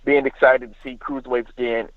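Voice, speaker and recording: A man's voice: medium pitch, little pitch movement, a little fast, no echo, narrow, tinny audio. A man calling in to a radio talk show, arguing bluntly and swearing freely. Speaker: caller. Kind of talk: call-in radio chat.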